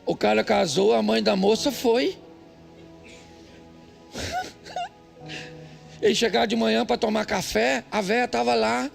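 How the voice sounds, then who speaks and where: An older male pastor with a Brazilian Portuguese accent, preaching a humorous sermon with jokey, emphatic storytelling and sudden high outbursts. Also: a little slow, creaky, long pauses. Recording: faint music behind.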